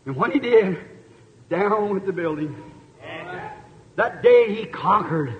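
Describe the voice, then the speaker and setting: A man preaching an impassioned sermon, building to fervent shouts and drawn-out pleas. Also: high-pitched, animated, dull audio.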